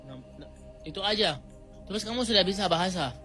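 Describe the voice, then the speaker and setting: A man's voice: sits high, lively intonation, a little fast, pushed and bright. A young man from Indonesia making casual small talk with questions and short answers. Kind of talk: casual chat. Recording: music playing behind.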